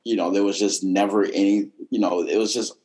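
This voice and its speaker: A man's voice: lowish voice, steady tone, a little fast, darkish tone. A man with a mild Boston accent chatting casually in a blunt, sweary, rambling way. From Boston, United States. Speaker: podcast guest, comedian and former bike messenger. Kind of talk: casual conversation.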